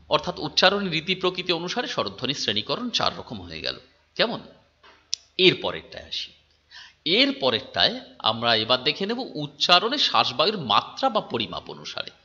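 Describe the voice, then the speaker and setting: A man's voice: a little high, bright, forceful tone, dull audio. A male teacher giving a lecture, repeating key terms, checking with his students and drawing out sounds to demonstrate them. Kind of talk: phonetics lecture.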